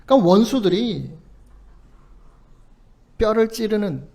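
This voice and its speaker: A man preaching a sermon as pastor, earnestly quoting scripture with rising emphasis and explaining it in a gently coaxing way. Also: high voice, animated, slow, vocal fry. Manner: gently coaxing, ends sentences with soft "거든요" and "요".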